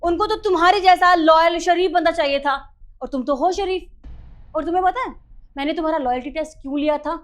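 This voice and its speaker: A woman's voice: extremely high pitch, a little fast. An actor playing a wife caught hiding her lover, defensive and dismissive, in melodramatic short-film style. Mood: defiant.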